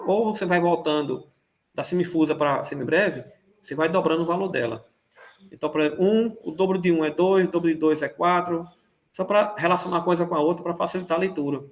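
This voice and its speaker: Hesitant man teaching a music class. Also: fairly high pitch. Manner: hesitant, many fillers and "né?" checks. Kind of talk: online class review. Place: online class.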